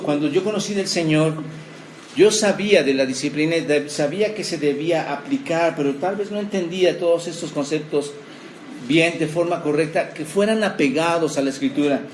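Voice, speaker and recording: Man, pastor, fairly high voice; sermon full of questions to the congregation, echoey church sound. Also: a little hiss or hum. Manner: addresses the congregation as brothers, asks them questions. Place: church hall.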